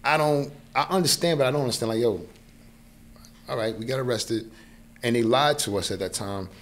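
On a close boom-arm mic in a small indoor podcast studio, a man in his forties from New York speaks in a mid-range voice at a brisk clip, with slight background noise. His New York accent colors a casual personal story he tells as a podcast guest, frequently checking in with the listener.

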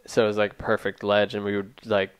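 A man's voice: lowish voice, monotone, brisk, clear, resonant tone, no room sound. A man in his thirties telling stories in an easygoing, agreeable podcast chat. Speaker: podcast co-host. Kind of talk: casual chat. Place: small studio room, indoors. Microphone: boom mic with headphones.

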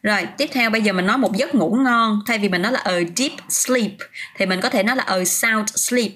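A woman's voice: medium pitch, brisk, fairly bright tone. A woman teaching English vocabulary on a casual livestream, chatting, answering viewers' comments by name and often restarting her sentences.

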